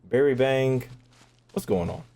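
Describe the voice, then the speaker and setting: This gaming streamer, a young American guy, keeps a mellow, medium-pitched voice and a measured pace while joking around in casual, slang-heavy play-by-play. Game music hums faintly in the background.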